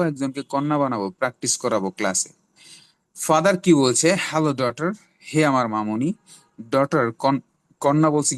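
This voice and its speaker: A middle-aged Bangladeshi man teaching spoken English in an online class, giving slow, drawn-out English examples between explanations. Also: a little high, dry recording.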